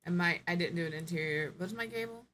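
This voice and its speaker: Lower-voiced woman thinking aloud while streaming. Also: fast, fairly bright tone, a little hiss or hum. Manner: thinking aloud, musing and self-correcting. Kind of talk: live-streamed gameplay commentary.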